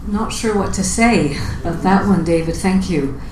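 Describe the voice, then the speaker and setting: A woman's voice: lowish voice, normal speed. A woman hosting an open mic, making informal remarks to an audience. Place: indoor open mic event room. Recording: roomy live recording with background noise.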